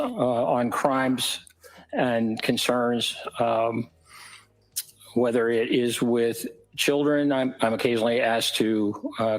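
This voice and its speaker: A man giving formal testimony in a courtroom as an expert witness, answering carefully and haltingly. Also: mid-range voice, low-quality recording. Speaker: expert witness, psychiatrist and professor.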